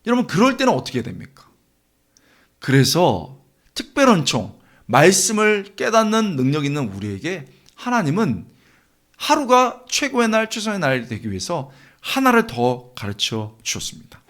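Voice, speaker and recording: A man's voice: fairly high pitch, huge pitch swings, moderate pace, fairly bright tone. A man preaching a sermon in a church, earnest and asking the congregation rhetorical questions. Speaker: guest preacher.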